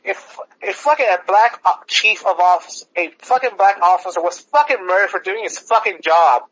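A man calling in over the phone, ranting furiously and swearing, with bursts of shouting. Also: high-pitched, lively intonation, moderate pace. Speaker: caller. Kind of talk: angry phone rant. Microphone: phone on speaker. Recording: lo-fi phone line.

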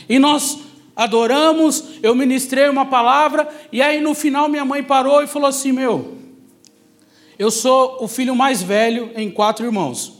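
Preaching a sermon through personal testimony, a man with a Brazilian São Paulo accent sounds conversational yet emphatic, repeating key phrases for effect. His voice is very high-pitched.

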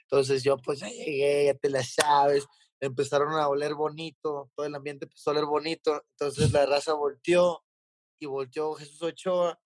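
A man's voice: fairly high pitch, level tone, moderate pace, no room sound, low-quality recording. Slangy Mexican rapper guy chatting. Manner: street slang, swearing. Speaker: rapper, interview guest. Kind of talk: casual chat, storytelling.

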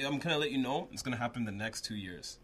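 A man's voice: mid-range voice, expressive, quick pace, crowd noise. A young man chatting casually as a co-host, emphatic and slangy, often repeating himself. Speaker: podcast co-host. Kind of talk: casual chat.

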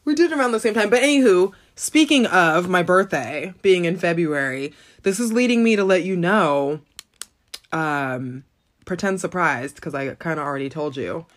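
A woman's voice: on the low side, normal speed. Giggly rambling woman podcast host. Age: 30s. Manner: giggly, rambling, animated storytelling. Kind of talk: casual chat.

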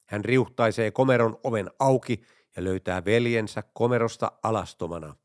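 A man reading a string of jokes in an even, deadpan storytelling manner. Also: lowish voice, no echo, clean studio sound. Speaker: joke narrator. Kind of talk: scripted joke reading.

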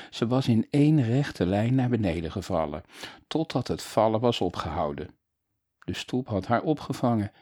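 Expressive, husky male storyteller. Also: on the low side, no echo, studio quality. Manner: expressive, shifting between lively and hushed. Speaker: audiobook narrator. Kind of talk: storybook reading for children.

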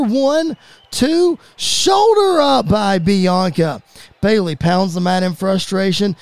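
A man calling a fantasy wrestling show as play-by-play commentator, rapid-fire and rising to excited shouts at the big moments. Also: sits high, creaky, no room sound.

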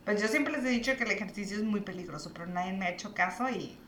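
A woman's voice: mid-range voice, crowd noise. A woman with a Mexican accent co-hosting a casual chat, telling a story on herself in a self-mocking way. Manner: self-mocking, quick interjections. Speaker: co-host. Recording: echoey room.

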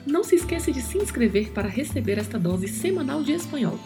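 A woman reading a scripted podcast outro with even, instructive delivery. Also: high voice, fast. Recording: music playing under the voice.

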